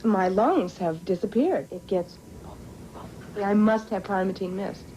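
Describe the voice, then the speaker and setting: A woman gives an advertising testimonial. Her voice is soft-toned and mid-range, with faint ambience in the background. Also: mid-range voice, a little slow, slight background noise, rough recording.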